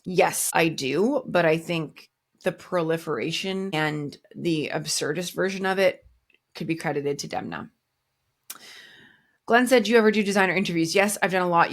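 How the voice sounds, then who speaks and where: Canadian-born lady hosting fashion news, low gravelly voice, chatty, says like a lot. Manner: chatty, heavy use of "like". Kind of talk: casual commentary answering viewer comments.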